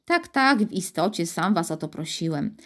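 A woman's voice: lowish voice, expressive, normal speed, fairly bright tone, voice pushed down. A woman voicing a flustered, bewildered middle-aged male city mayor in a storybook reading, puzzled and slightly fussy. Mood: contrite.

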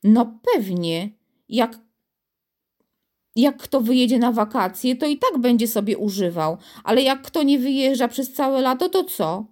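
Kobieta grająca markotnego, rozgoryczonego chłopca. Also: female voice, a little high, lively intonation, measured pace, a little mellow. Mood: sad. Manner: sulky, mocking, aggrieved. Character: glum, embittered young boy.

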